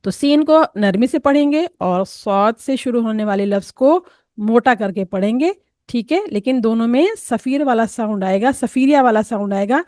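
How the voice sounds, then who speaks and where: A woman teaching tajweed pronunciation. She explains patiently, step by step, models each sound slowly, and mixes English words into her teaching. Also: fairly high pitch, mellow, dry recording, clean studio sound. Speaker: Quran recitation teacher.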